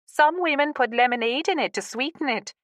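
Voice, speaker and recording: A woman's voice: sits high, a little fast, fairly bright tone, no room sound, clean studio sound, voice pushed up. Woman reading as a spirited pub-going woman. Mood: lively.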